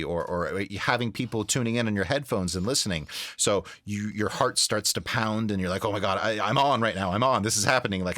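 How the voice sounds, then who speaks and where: A man talking casually in an interview about his work, earnest and a bit halting, repeating words for emphasis. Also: lowish voice, fairly bright tone, no room sound. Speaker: voice-over artist, interview guest. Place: home studio.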